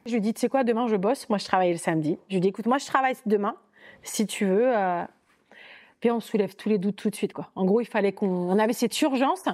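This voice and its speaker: A woman's voice: medium pitch, quick pace. Chatty woman telling a dating story. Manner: lively, chatty, many fillers and quoted inner thoughts. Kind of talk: casual podcast storytelling.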